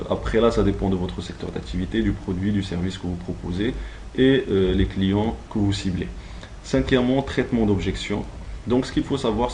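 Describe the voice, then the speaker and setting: Teaching how to handle calls in a call centre, this man walks through each step didactically and keeps checking understanding in a semi-improvised style. His voice is lowish and warm, and there's a little hiss or hum on the recording.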